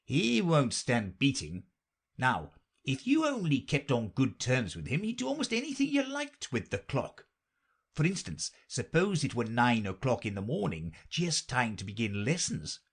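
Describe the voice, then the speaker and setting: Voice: medium pitch, huge pitch swings, measured pace, slightly rough, pitched above the performer's own voice, exaggerated voice. A reader voicing an eccentric grown man who rambles theatrically, swinging between mournful and bossy.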